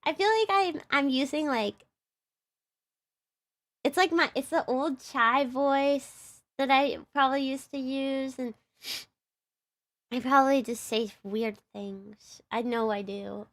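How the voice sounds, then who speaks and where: High-voiced bubbly Texan woman streamer. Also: fairly even intonation, a little slow. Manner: bubbly, giggly and rambling, full of "like". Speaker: livestreamer and VTuber. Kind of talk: casual live-stream chat.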